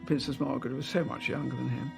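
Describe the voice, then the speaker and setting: An older woman in an interview, reminiscing in a chatty, anecdotal way with halting asides. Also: a bass voice, fairly even intonation, creaky, darkish tone, soft background music. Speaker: interviewee, royal insider.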